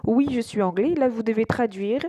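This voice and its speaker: A woman's voice: fairly high pitch, normal speed, warm tone, a little hiss or hum, rough recording. Hesitant woman walking through an app. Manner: hesitant, many fillers and restarts; keeps saying voilà. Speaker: YouTube channel host. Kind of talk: casual app walkthrough over a screen recording.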